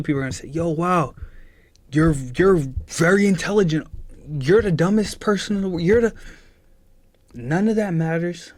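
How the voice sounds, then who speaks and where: A man's voice: sits high, dry recording. A twenty-year-old man chatting casually on a live stream, giving his chat an earnest, preachy pep talk.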